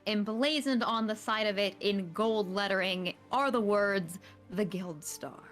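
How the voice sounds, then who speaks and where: A woman's voice: medium pitch, a little slow, faint music behind. Woman narrating as game master. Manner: descriptive, filler-heavy narration.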